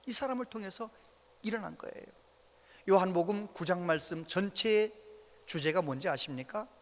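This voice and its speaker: Lively high-voiced male pastor preaching. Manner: animated storytelling, acts out quoted voices. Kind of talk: sermon. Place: church sanctuary. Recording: reverberant church hall.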